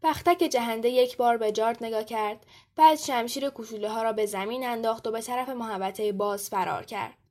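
A woman reading a story aloud in an even, measured voice. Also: on the high side. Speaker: narrator.

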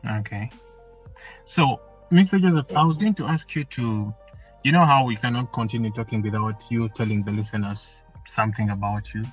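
A man's voice: on the low side, moderate pace, highs cut off, faint music behind. A man hosting a podcast, chatting casually and rambling as he repeats himself. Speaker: podcast host. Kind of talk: casual interview.

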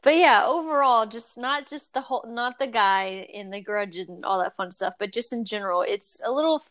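A woman's voice: on the high side, normal speed, a bit bright. A young woman co-hosting a casual chat podcast, rambling with many restarts and filler words. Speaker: podcast co-host.

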